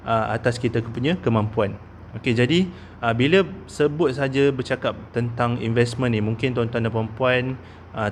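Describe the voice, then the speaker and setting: A man's voice: medium pitch, slight background noise. A man in his thirties with a Malaysian Malay accent, giving a casual investment talk as a consultant, with many "ah" fillers and "okey?" tags. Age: 30s.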